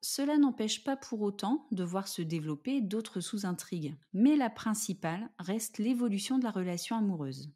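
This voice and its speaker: Soft mellow woman hosting a podcast. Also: mid-range voice, expressive, normal speed, few pauses. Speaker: podcast host. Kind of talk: scripted podcast narration.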